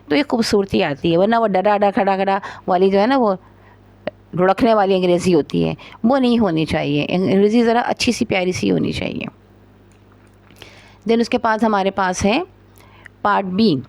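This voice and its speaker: A woman with a Pakistani Urdu accent teaching English. She reads the English sentences slowly, explains them, and spells words out letter by letter. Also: mid-range voice, a little mellow, no echo. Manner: slow and careful reading of English, then explaining it. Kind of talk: spoken textbook lesson.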